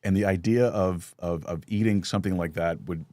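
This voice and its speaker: A middle-aged man hosts a relaxed live conversation, his voice sitting very low. He tells stories loosely, restarting phrases and chuckling along the way. The sound is dry and close. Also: fairly quick, no room sound. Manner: storytelling with lots of restarts and chuckles. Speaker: podcast host. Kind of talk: casual live chat.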